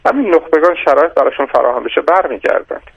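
Gravelly-voiced man explaining economics on radio. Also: a little high, animated, dry recording. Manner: measured, explanatory, with frequent hesitations and restarts. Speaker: economist guest. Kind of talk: radio interview answers. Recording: dry, dull lo-fi radio sound.

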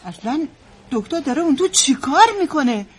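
An elderly mother, voiced by a woman, frets and insists in a radio drama, her voice very high and strained. She repeats herself and clings to hope. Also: animated. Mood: agitated. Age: older.

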